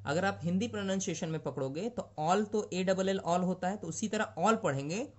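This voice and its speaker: A male teacher giving a grammar lesson to young students, reading each English example sentence slowly and then explaining it in Hindi. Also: high-pitched. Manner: frequent check-ins to the class.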